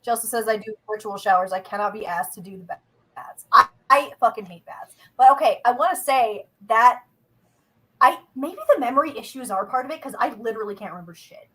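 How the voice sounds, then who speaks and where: A woman's voice: fairly high pitch, a little fast, fairly bright tone, breathy edge, poor audio. A woman in her thirties, co-host, talking bluntly in casual chat with lots of swearing and laughter. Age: 30s.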